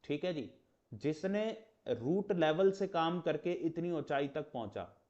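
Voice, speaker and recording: An astrology teacher with a fairly high, darkish, expressive voice lectures slowly in Hindi with English terms. He explains conversationally through rhetorical questions and mock dialogue, and the recording is lo-fi.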